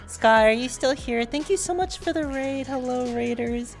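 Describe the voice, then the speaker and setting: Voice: high-pitched, normal speed, soft background music. A podcast host in casual interview chat on a stream, chatty, joking and rambling.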